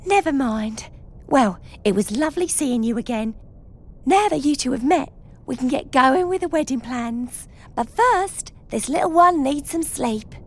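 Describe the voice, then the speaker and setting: A woman's voice: high voice, expressive, a little slow. A woman voicing a kindly, fussy, motherly field mouse who talks in a chatty way. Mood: fussing. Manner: warm-hearted, fussing, chatty. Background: music.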